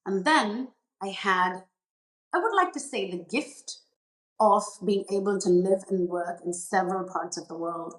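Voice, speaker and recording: A middle-aged woman from India hosts a reflective podcast. She talks in an earnest, measured way and lists her points in short phrases. Her voice carries a roomy echo. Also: medium pitch. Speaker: podcast host.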